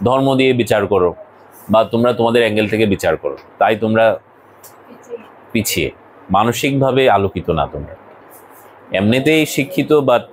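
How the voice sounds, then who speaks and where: A man's voice: mid-range voice, a little hiss or hum, low-quality recording. A male college English teacher, lecturing a classroom and explaining English words and phrases, sometimes scolding his students.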